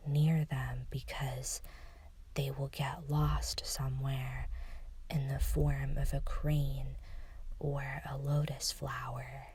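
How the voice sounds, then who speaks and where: Woman whispering deadpan asmr jokes, super slow, really flat and breathy. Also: low-pitched, no echo. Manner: slow, deliberate delivery with short list items.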